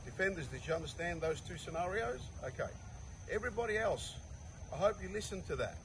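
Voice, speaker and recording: A man's voice: sits high, lively intonation, fairly quick. A man coaching youth soccer gives a halftime pep talk, instructive and emphatic, often checking with short questions that his players understand. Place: outdoors beside a soccer field. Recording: noisy outdoor recording with vehicle sounds.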